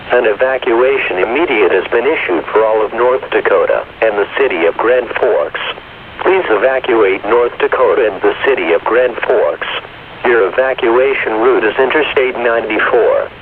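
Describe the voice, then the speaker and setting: A man reading an automated emergency alert in a flat, formal manner, heard as a hissy AM radio broadcast. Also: medium pitch, phone-quality sound. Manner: flat, even, formal announcement.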